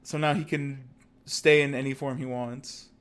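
A young man co-hosting a podcast in casual chat, often pausing to search for words. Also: medium pitch, level tone. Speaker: podcast co-host. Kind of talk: casual chat about an anime.

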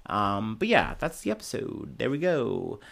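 A man's voice: mid-range voice, wildly swooping pitch, a little slow, creaky, a bit bright. A young man hosting a solo news podcast, reading quotes aloud and then riffing on them in a loose, profane, chatty way. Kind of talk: casual solo news commentary.

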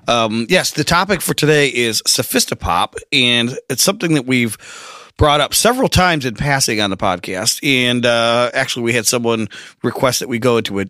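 A man's voice: medium pitch, lively intonation, moderate pace, sharp tone, no room sound, studio quality. A man co-hosting a podcast in casual chat, playful and jokey, often laughing. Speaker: podcast co-host.

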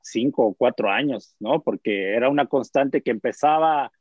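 A man's voice: medium pitch, normal speed, slightly rough, no room sound, lo-fi sound. A man with a Mexican accent, a former player, talking football in casual chat, hesitant and full of fillers and tag questions. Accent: Mexican Spanish.

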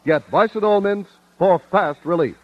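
A man reading a chipper 1950s radio advertisement as an announcer, with an emphatic, itemized sales pitch. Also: moderate pace, dry recording. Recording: muffled vintage radio recording.

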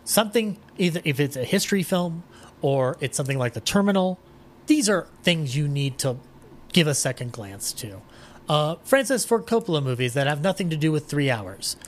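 Slightly high and animated, this man's voice moves at a moderate pace while he chats casually as a podcast guest. Some background noise accompanies his enthusiastic rambling, which includes occasional swearing.

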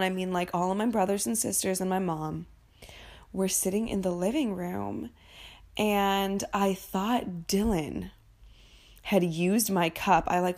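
A young woman telling a childhood story in casual chat, animated and profane, laughing often and squealing when she acts out her younger self. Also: mid-range voice.

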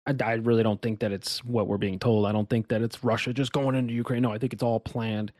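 A man's voice: mid-range voice, level tone, fast talker, a little mellow, dry recording, clean studio sound. A man co-hosting a casual podcast, talking in a rambling, emphatic way with lots of restarts and asides. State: has the hiccups. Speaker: podcast co-host. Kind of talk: casual conspiracy chat.

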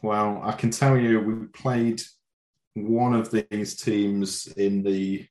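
An echoey, roomy recording of a man with a fairly low voice. He plays quizmaster on a football podcast, chatting casually and bantering with the contestants. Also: little pitch movement, slow pace, darkish tone. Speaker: quiz host on a football podcast.

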